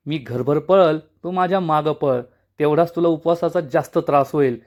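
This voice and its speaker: A man's voice: a little high, moderate pace, a little mellow, close to an everyday voice. A man voicing a stubborn, lovesick young village woman who talks back sulkily and turns coy. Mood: defiant. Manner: sulky, defiant, then coy.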